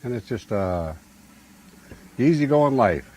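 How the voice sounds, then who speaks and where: Loud guitar music fills the background as an older man, sitting in his travel trailer, casually spins folksy, meandering stories about full-time life on the road. He speaks slowly and animatedly in a mid-range voice.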